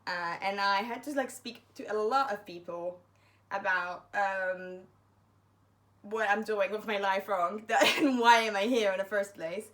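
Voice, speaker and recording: A woman's voice: mid-range voice, measured pace, fairly bright tone. Chatty young woman telling a story. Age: young adult. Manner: chatty, self-mocking, acts out quotes. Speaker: university student vlogger. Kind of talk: casual storytime vlog.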